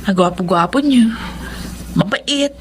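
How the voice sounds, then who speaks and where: An actress playing Roxanne, a poor young factory worker, speaking politely and softly. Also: female voice, mid-range voice, lively intonation, takes it slowly, slight background noise. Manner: polite, soft-spoken. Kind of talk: Tagalog radio-style drama acting.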